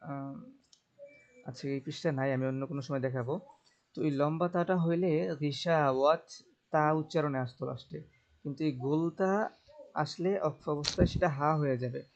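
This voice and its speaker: In an online tajweed lesson, a male Quran teacher alternates between slow, drawn-out melodic recitation and quick, plain explanations. His voice sits on the high side and is a little mellow.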